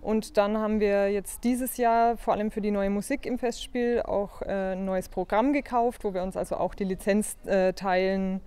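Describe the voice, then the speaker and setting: Mellow, smooth-voiced woman in interview. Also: mid-range voice, fairly even intonation, moderate pace, few pauses. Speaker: theatre actress being interviewed. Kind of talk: explanatory interview. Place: outdoors in a leafy courtyard.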